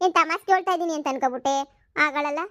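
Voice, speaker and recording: A woman's voice: high voice, fast talker, fairly bright tone, dry recording, studio quality. A woman playing a bossy older village aunt. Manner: scolding, confident, rustic.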